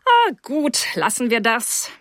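Woman doing a brisk, crisp hostess. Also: fairly high pitch, sing-song, fairly bright tone, no room sound, studio quality, voice pushed up, exaggerated voice. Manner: crisp, hurried, briskly chatty. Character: brisk, sporty middle-aged woman, a dentist's wife.

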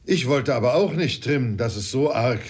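A man's voice: mid-range voice, expressive, normal speed, slightly rough. A man reading a kindly old retired officer. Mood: earnest. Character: kindly retired male army officer, gentle and generous.

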